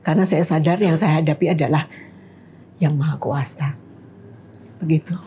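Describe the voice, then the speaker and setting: A woman in her fifties, a grandmother, speaking in Indonesian, tells of losing her sons, halting and pausing as she recounts. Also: low-pitched, steady tone, mellow, a little hiss or hum. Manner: halting, with pauses and restarts. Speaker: guest. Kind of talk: emotional personal testimony.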